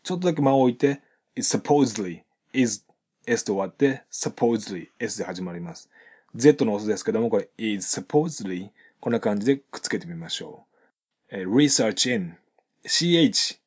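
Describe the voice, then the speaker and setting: Husky Japanese man teaching English pronunciation. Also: fairly low pitch, lively intonation, a little mellow. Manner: reads English example sentences slowly, then explains sound linking. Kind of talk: pronunciation lesson with model sentences.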